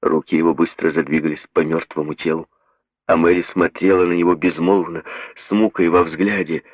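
A man narrating an audiobook in a measured, expressive storytelling voice. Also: low voice, no echo, phone-quality sound. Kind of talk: audiobook reading.

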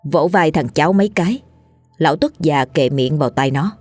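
A woman, narrating a scripted ghost story in a steady reading voice. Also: low voice, moderate pace, dry recording, clean studio sound, soft background music.

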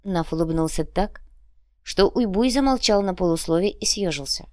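A woman with a lowish voice narrates an audiobook in an even, measured way. The recording is close and dry, with no room sound. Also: no echo.

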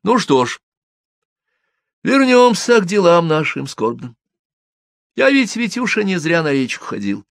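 A cold, menacing gang boss, read by a man who drags out his threats in slow, gravelly phrases. His voice rises raised and lively through the threats. The audiobook sound is dry and close. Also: high-pitched, no echo, pitched above the performer's own voice, exaggerated voice. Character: menacing middle-aged male gang boss.

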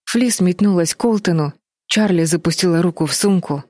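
A woman narrating an audiobook in a steady storytelling manner. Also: on the low side, fairly quick, dry recording, clean studio sound. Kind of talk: scripted narration.

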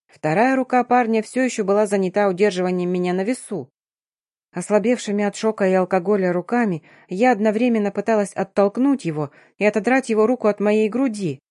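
A woman narrating a first-person audiobook in an even, measured reading. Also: mid-range voice, dry recording, clean studio sound.

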